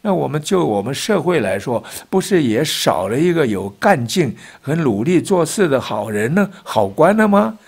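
A man's voice: a little high, moderate pace, gravelly, few pauses, slightly rough. An older man hosting a political commentary show, telling folksy stories and acting out the voices he quotes. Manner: folksy, acts out quoted voices, lively emphatic delivery.

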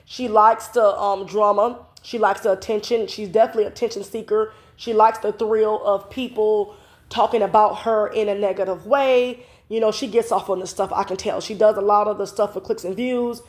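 Holding her phone camera close at home, a stuffy-nosed woman in her thirties rambles through a casual commentary vlog, still recovering from a cold. She talks at a moderate pace in a steady, mid-range voice, opinionated and sure of herself, with frequent "you know" fillers.

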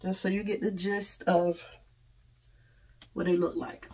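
A woman's voice: lowish voice, little pitch movement, unhurried, darkish tone, breathy edge. American woman talking with retainers in, slightly distant. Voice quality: early-morning voice. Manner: speaking with retainers in, slight lisp. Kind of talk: casual chat. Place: small home bathroom, indoors. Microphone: camera a short distance away. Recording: voice distant from the mic.

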